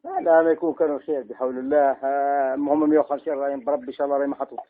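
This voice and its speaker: A man's voice: mid-range voice, steady tone, rapid-fire, no room sound. A man with an Algerian accent on a phone call, rambling and haggling to sell old goods, heard over a phone line. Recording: tinny dry phone line.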